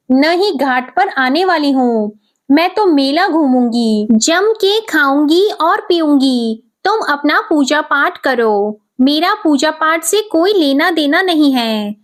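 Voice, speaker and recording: A woman's voice: high voice, animated, slow pace. A woman reading the lines of an irritable, dismissive young daughter-in-law. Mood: irritated.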